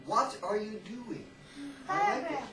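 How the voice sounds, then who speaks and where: A man from Texas with a Southern American accent, teaching a class and explaining slowly, with lots of repetition. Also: extremely high pitch, a crowd in the background. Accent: Southern American, Texan. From Texas, southern United States. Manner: animated, explains slowly and repeats words for the class. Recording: echoey classroom from far off with faint noise.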